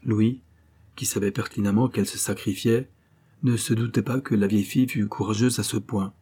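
A male audiobook narrator reads in a measured, grave storytelling manner. His voice is low, dark and mellow with a husky edge. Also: fairly even intonation. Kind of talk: scripted narration.

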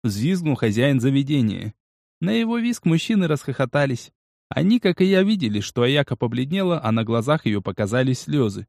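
A man's voice: mid-range voice, big pitch swings, a little fast, gravelly, darkish tone, dry recording, clean studio sound. Man reading his own novel. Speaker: author reading his book. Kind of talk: audiobook narration.

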